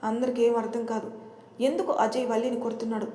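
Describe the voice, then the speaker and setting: Woman storyteller, steady storybook narration, fairly high voice, mellow tone, roomy echo. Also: fast. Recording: roomy echo, faint noise.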